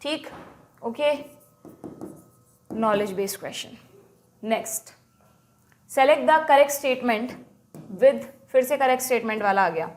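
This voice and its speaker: A woman with an Indian accent and a bright, high voice teaches an exam paper walkthrough. She talks briskly and keeps turning to her students with quick checking questions. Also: slight background noise. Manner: brisk, explains and quizzes students.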